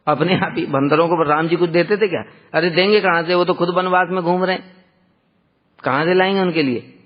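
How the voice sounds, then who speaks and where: A man telling a devotional story in a lively, conversational way, often asking the listeners rhetorical questions. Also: sits high, a little fast. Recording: dull lo-fi sound with long hall reverb.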